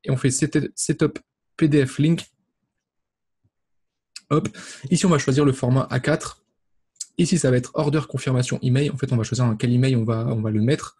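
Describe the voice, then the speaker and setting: A man talks through a screen-recorded tutorial at an ordinary middle pitch. He explains each click in a loose, chatty way, filling his pauses with hesitations. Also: fairly even intonation, mellow. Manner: casual, explanatory, many fillers and verbal ticks. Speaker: e-commerce tutorial host.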